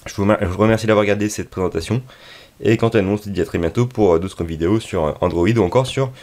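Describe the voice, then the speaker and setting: Man, deep voice, tech tutorial, unscripted, hesitant, frequent pauses. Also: a little mellow. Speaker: tech video presenter. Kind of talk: unscripted app tutorial narration.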